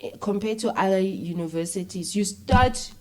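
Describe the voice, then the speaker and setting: South African woman guest, young adult, animated storyteller, middle pitch. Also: moderate pace. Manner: animated, mixes English and isiZulu, acts out voices in anecdotes. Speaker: interview guest, filmmaker. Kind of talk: casual storytelling chat.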